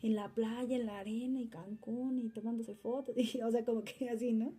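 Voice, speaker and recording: Mother interviewed about her son; rambling, filler-heavy delivery, very mellow dark tone, slightly high voice. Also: fairly even intonation, normal speed, husky. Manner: rambling, frequent fillers and restarts. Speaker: mother of interviewee's subject child. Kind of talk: interview answer, casual storytelling.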